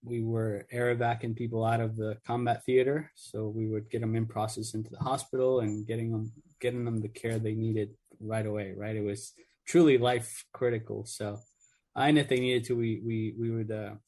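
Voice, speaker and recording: A man's voice: on the low side, level tone, normal speed, mellow. A man born in Mexico, a radio guest and Air Force veteran, talking earnestly with many fillers. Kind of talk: casual radio interview.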